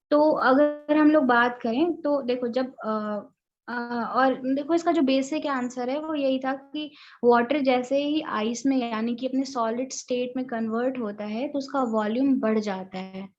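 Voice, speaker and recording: A woman's voice: sits high, measured pace, darkish tone. A woman teacher giving an online class over a call, checking with her students and using many fillers. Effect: heard over an online call. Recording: dull, lo-fi online call audio.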